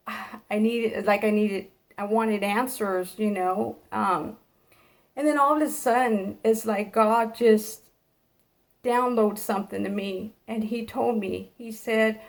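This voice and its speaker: A woman telling viewers about a dream in an emotional personal testimony. She speaks haltingly, repeats herself and sounds close to tears. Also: mid-range voice, gravelly. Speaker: vlogger sharing a dream.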